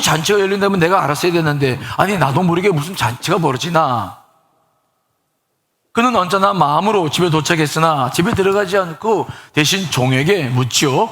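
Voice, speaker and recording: A male pastor preaches in a church with a high, bright voice. He tells the story in animated fashion and throws rhetorical questions to his listeners. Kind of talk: sermon.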